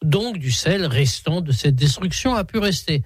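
Man reading a religious column, slightly high. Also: expressive, husky, dry recording. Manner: measured, explanatory. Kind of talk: scripted reading.

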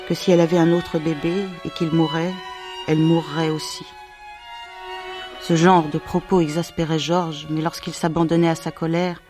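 A woman narrates a literary novel in a slow, measured, gentle reading voice. Soft music plays faintly behind her. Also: low-pitched. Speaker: audiobook narrator.

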